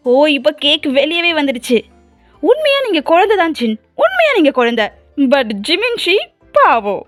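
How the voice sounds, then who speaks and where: A woman's voice: extremely high pitch, wildly swooping pitch, normal speed, a bit bright, dry recording, faint music behind. A woman with a Tamil accent narrating a comic fan dub in a teasing, chatty voice-over, full of exclamations.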